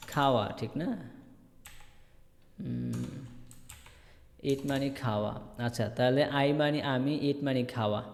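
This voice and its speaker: A man teaching a live online English class, repeating words slowly and calling on students by name. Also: medium pitch, big-room sound. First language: Bengali. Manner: slow, repetitive drilling, calls on students by name. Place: online video call class.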